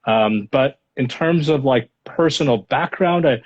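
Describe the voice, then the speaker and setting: A Los Angeles man in his thirties, a lawyer appearing as a guest whose first language is Spanish, reflects on interview questions with plenty of fillers. His husky, darkish voice sits mid-range and moves unhurriedly. The audio is dull and lo-fi.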